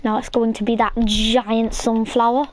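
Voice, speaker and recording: Woman talking thru a game build, kinda high voice, rambly with lots of likes and ums. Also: level tone, normal speed, darkish tone, no echo. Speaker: gaming channel host. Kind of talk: casual gameplay tutorial chat.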